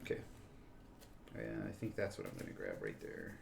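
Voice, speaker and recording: A man's voice: a bass voice, wildly swooping pitch, moderate pace. A man playing a tabletop card game, calling out each move step by step in a casual, methodical way. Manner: methodical, announces each play aloud. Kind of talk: casual game-night chat. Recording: echoey room with clear background noise.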